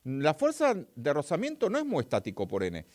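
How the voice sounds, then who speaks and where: This Argentine-accented physics teacher talks straight to his live-stream audience, chatty and reading their chat as he teaches. His high-leaning, slightly mellow voice has huge pitch swings and a brisk pace. The recording is studio quality with no echo.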